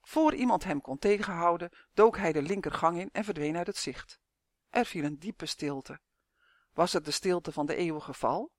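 A man narrating a children's fantasy audiobook in a lively, expressive storytelling manner. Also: fairly high pitch, moderate pace, no room sound, clean studio sound.

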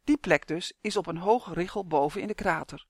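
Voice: medium pitch, moderate pace, dry recording, clean studio sound, lightly acted. A reader voicing a stubborn, earnest young boy who insists with pleading emphasis, in an audiobook. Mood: determined. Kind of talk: audiobook character voice.

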